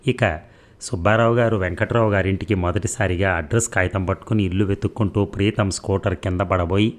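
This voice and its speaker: A man narrating a story in a steady, descriptive reading. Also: low voice.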